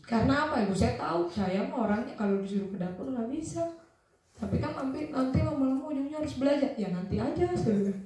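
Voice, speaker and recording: A young woman speaks to an audience, telling a personal story with lively storytelling and acting out the voices in it. Her voice sits high, and it reaches the mic from a distance. A heavy hall echo surrounds every word. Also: quick pace, a little hiss or hum. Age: young adult. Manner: animated storytelling, acting out dialogue. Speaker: motivational speaker. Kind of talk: testimonial speech to an audience. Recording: echoey hall from far off.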